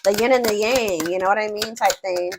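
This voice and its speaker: Speaking fairly quickly with a medium-pitched voice, this tarot reader and host reads for her viewers casually and conversationally. She thinks out loud, hunts for words, and stresses points emphatically, with background noise present.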